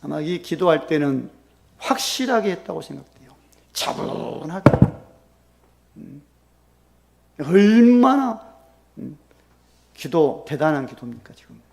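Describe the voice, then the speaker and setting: A man preaching a sermon as pastor, acting out quoted prayers with sudden loud bursts and soft drops. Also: a little high, lively intonation, normal speed, gravelly.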